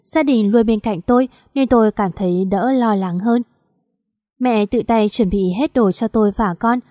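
A woman's voice: a little high, moderate pace, warm tone, dry recording. Woman reading a story, dry close sound. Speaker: audiobook narrator. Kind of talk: scripted first-person story narration.

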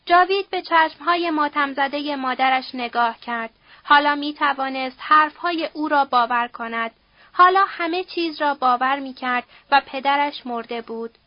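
A woman reading a novel aloud as an audiobook narrator in a steady, somber storytelling manner. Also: high-pitched, no room sound, highs cut off. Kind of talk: scripted narration.

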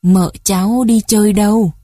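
A woman's voice: mid-range voice, fairly even intonation, normal speed, dark tone, dry recording, lightly acted. A woman voicing an elderly dignified mother who asks questions hesitantly in a storybook. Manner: hesitant, searching.

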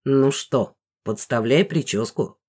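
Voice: mid-range voice, slow pace, darkish tone, slightly rough, pitched below the performer's own voice. A reader voicing an easygoing old father who teases and chuckles. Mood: teasing. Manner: chuckling, teasing.

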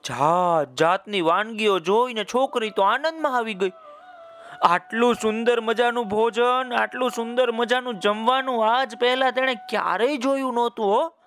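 A man narrating a children's folk tale in a lively, folksy way, with chatty asides to his listeners. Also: very high voice, moderate pace. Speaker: storyteller.

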